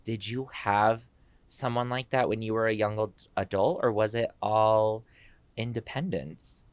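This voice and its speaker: A man hosting a podcast, asking questions in casual conversation and reacting quickly with laughter. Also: on the low side, fairly even intonation, clean tone, no echo. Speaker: podcast host. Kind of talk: casual interview.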